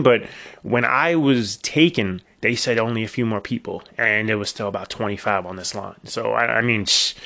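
His voice is mid-range, gravelly, and a bit bright, and a little worn after illness. The speaker is a middle-aged man hosting his own casual solo podcast, where he tells long, rambling stories with wry asides.

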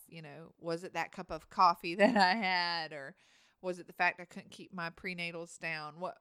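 A woman, softly and reflectively sharing a faith testimony. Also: lowish voice, smooth, dry recording, studio quality.

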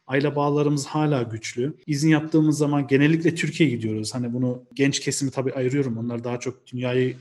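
A young man, a guest entrepreneur, answering interview questions in an earnest, measured way. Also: mid-range voice, steady tone, a little mellow. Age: young adult. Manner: earnest, measured, with occasional laughs. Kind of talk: conversational interview.

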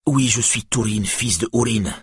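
A man's voice: fairly low pitch, normal speed, husky, dry recording, clean studio sound. A man voicing a proud, wrathful hero warrior who commands and accuses, in an audiobook reading.

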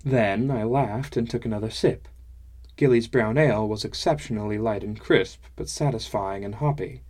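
Man, low voice, audiobook narrator, measured first-person storytelling. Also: a little mellow.

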